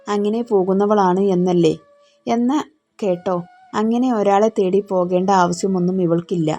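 A woman's voice: mid-range voice, mellow, close to an everyday voice. A woman voicing a spirited, loyal young woman who speaks firmly and scolds. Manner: firm, scolding.

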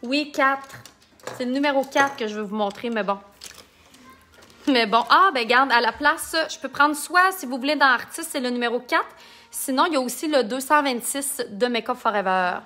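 Speaking with a Québécois French accent, a woman from Quebec uses a high, bright voice with a forceful tone at normal speed. She jokes and chats while showing makeup techniques in a casual live stream, reading viewer comments aloud.

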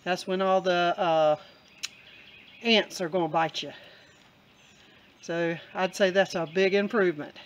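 A person filming and narrating homestead chores in a relaxed, step-by-step way. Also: mid-range voice, unhurried, long pauses, highs cut off, slight background noise. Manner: easygoing, explains step by step with fillers. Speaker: camera operator and co-narrator. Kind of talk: casual vlog narration.

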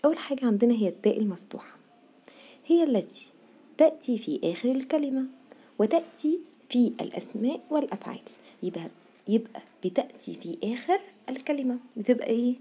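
Mellow, husky Egyptian woman teacher. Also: fairly high pitch, animated, fast. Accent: Egyptian Arabic. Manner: patient, quizzes the class, then answers in the pupils' voice. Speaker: primary school teacher. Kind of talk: classroom grammar lesson for young children.

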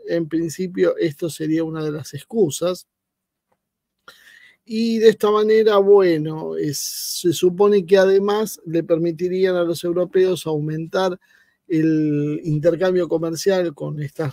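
A man's voice: a little high, mellow, dry recording. A man with an Argentine accent giving hesitant, filler-heavy political analysis on a live stream over a remote line. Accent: Argentine Spanish.

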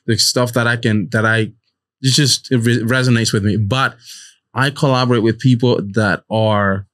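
A man hosting a podcast in casual chat, talking haltingly with many restarts. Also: mid-range voice, fairly even intonation, a bit bright. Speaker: podcast host.

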